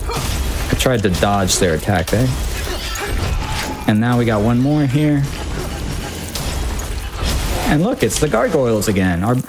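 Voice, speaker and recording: A man's voice: medium pitch, very animated, slow, pauses often, over music. A man giving casual, wry live commentary on his own speedrun, often breaking off his sentences as he thinks aloud. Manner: informal, wry, self-interrupting thinking aloud.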